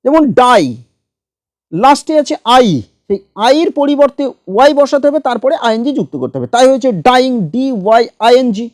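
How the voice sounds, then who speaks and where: A woman with a high voice walks through grammar rules one step at a time, spelling each example word letter by letter. She is recorded close to the mic in a dry room with no echo. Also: lively intonation, a little mellow. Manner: slow, methodical, spells words letter by letter. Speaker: English grammar teacher. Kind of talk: grammar lesson.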